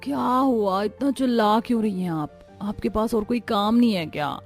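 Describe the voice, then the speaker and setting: A woman voicing a lazy, defiant young bride in a cartoon story, haughty and quick to threaten. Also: medium pitch, faint music behind, lightly acted. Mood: irritated. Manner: haughty, threatening, raising her voice. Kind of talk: animated storybook dubbing.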